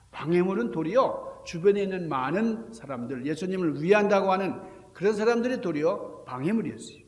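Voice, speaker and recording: A man pastor giving a Sunday sermon as an animated storyteller in a church sanctuary. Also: on the high side. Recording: echoey church hall reverb.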